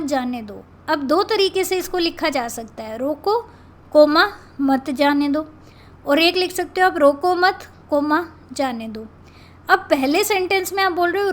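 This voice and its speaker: A woman teacher giving a classroom lecture, explaining step by step and asking and answering her own questions. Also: high-pitched.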